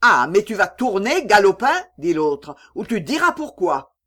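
A reader voicing a gruff, threatening old uncle who scolds harshly in a read-aloud story. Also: medium pitch, sing-song, slow pace, warm tone.

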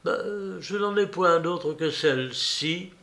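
Defiant young detective, read by a man, ringing and sure, slow delivery. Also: a little high, gravelly, sharp tone, pitched above the performer's own voice, heavily acted. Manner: ringing, assured. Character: bold young male reporter-detective, defiant.

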